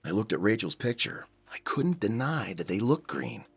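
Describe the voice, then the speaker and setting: A man's voice: lowish voice, very animated, moderate pace, creaky, husky. Guy narrating a creepy story, tense, voice moves around a lot. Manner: tense, acts out the frightened hero's lines. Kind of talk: scripted horror narration.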